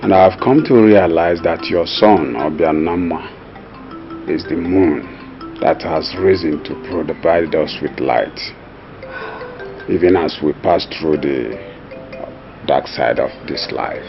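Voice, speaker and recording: A low-voiced repentant elder. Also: male voice, slow, pauses often, full character voice. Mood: earnest. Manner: earnest, proverb-laden. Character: repentant older man apologizing. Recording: dull lo-fi film audio with music.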